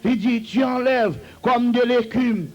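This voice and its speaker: A man's voice: extremely high pitch, slow pace, a little mellow. A man with a Haitian accent preaching a sermon as an evangelist, chanting repeated blessings and having the congregation repeat Bible verses after him. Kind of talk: sermon with call-and-response. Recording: dull lo-fi recording.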